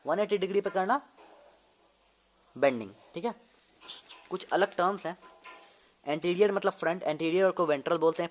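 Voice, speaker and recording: Young man tutoring anatomy casually. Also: fairly high pitch. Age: young adult. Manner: demonstrating with gestures, repeats terms and checks "ठीक है". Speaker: medical student tutor.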